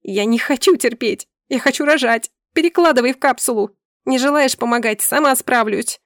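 A woman voicing a young pregnant woman in labour who scolds her husband in a shrill, agitated voice in an audiobook. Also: fairly even intonation, normal speed, darkish tone, dry recording, clean studio sound, close to an everyday voice. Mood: frantic. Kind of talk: audiobook character voice.

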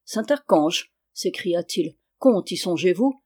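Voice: medium pitch, expressive, slow, darkish tone, husky. A reader voicing a sly medieval king. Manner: protesting, wheedling, turns curt. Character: scheming medieval French king, sly and irritable. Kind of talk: audiobook character reading.

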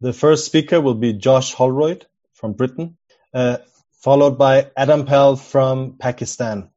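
A man with a soft-edged, mellow tone and medium pitch moderates a meeting semi-formally. His delivery is halting, and the audio is a little muffled. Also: steady tone. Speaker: session chair.

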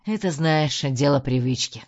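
A woman voicing a cruel, mocking middle-aged male crime boss in an audiobook, speaking in a slow, low sneer. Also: animated, husky, full character voice. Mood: menacing, mocking. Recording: dull lo-fi recording.

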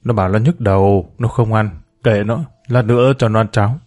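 A man voicing a calm, sharp-tongued middle-aged wife and mother in a spoken storybook. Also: on the low side, a little fast, no room sound, clean studio sound, natural voice. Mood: scolding. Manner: calm, curt.

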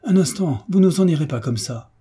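A man's voice: mid-range voice, moderate pace, warm tone, slightly rough, close to an everyday voice. A man voicing a fussy, talkative middle-aged male landlord who speaks emphatically, in a folksy way, for an audiobook. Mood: insistent.

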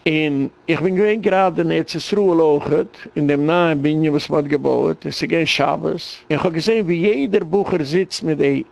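A man's voice: a little high, moderate pace, few pauses, a little mellow. A man speaking with a Yiddish accent, giving an impassioned, rambling lecture as a rabbi. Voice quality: gravelly. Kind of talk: spoken lecture.

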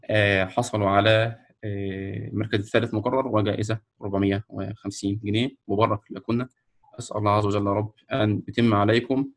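Hesitant Egyptian man announcing winners. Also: fairly low pitch. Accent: Egyptian Arabic. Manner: slow, hesitant, many fillers and restarts. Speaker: ceremony host announcing winners. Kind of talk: ceremony announcement. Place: online video call presenting a screen.

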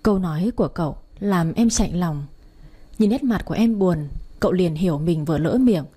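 Chatty woman storyteller, warm low-brightness voice, slightly breathy; talks to listeners directly. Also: lively intonation, normal speed. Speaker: story narrator. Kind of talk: first-person romance story reading.

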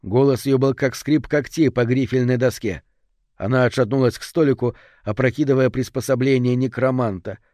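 A man reading a horror story aloud in steady, measured audiobook narration. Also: mid-range voice, no echo, studio quality.

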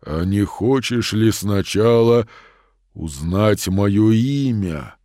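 A man voicing Death, a huge dark shadow, in a storybook reading, speaking slowly and solemnly in a drawn-out way. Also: on the low side, expressive, dry recording, clean studio sound, pitched below the performer's own voice. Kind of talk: audiobook storytelling.

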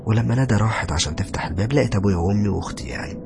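A man with an Egyptian accent narrating a first-person horror story in a brisk, conversational way. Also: fairly low pitch, gravelly, background noise. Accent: Egyptian Arabic. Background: music.

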